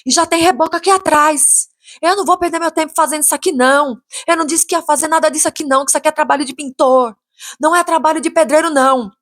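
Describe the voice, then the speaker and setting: A woman quoting a stubborn, irritated male mason with a Bahian accent, loud and repeating himself. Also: high voice, quick pace, no room sound, clean studio sound, voice pushed up. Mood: indignant.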